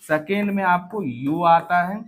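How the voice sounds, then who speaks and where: A man with a fairly high voice teaches grammar in an online class. He explains at a steady pace and keeps checking in with his students. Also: slow pace.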